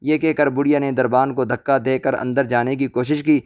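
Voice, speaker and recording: Smooth-voiced male storyteller. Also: mid-range voice, flat delivery, darkish tone. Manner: dramatic, measured storytelling. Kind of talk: scripted narration.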